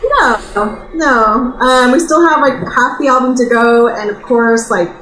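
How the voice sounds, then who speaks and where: A woman's voice: fairly high pitch, bright, forceful tone, soft background music. Giggly woman guest on a roomy video call. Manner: light, giggly, halting. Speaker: band member, guest. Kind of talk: interview answers.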